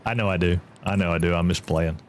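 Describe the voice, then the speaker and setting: While streaming a game live, this Georgia man talks fast in a chatty Southern drawl, reading viewers' messages out loud and replying. His voice shoots up when he's excited, and there's a little hiss or hum in the audio.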